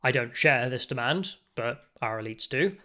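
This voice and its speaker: A man's voice: medium pitch, animated, moderate pace, pushed and bright. A man from the UK, a travel vlogger, thinking aloud in reflective commentary with restarts and asides while riding in a car. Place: inside a moving car.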